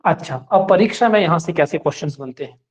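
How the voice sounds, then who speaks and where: A man's voice: on the high side, fast talker. A male teacher giving an exam-prep lecture, explaining step by step and checking that his students follow.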